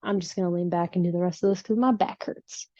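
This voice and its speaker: Talking fast in a lowish, mellow voice with fairly even intonation, this woman rambles through her easygoing solo podcast, dropping plenty of ums. She has a Chicago accent. The recording is dry with no room sound, made on a slightly muffled home mic rather than standard equipment.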